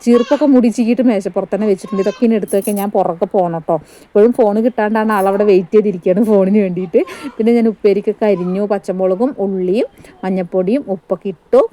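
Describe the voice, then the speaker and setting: A woman's voice: medium pitch, fairly even intonation, very fast, warm tone. A woman with a Malayali accent chatting casually through her home cooking vlog, recorded on a phone set on a stand in her kitchen. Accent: Malayali, Kerala. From India. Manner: chatty, homely, often tags "kettō". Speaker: family vlogger. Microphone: phone front camera on a stand, some distance away.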